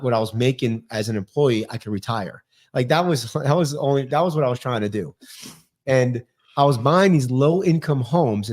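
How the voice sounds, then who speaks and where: In a casual podcast interview, a man in his fifties speaks rapidly with a New York accent. His pitch is unremarkable and mid-range, while his delivery is lively, articulate, and pushed along by plenty of drive.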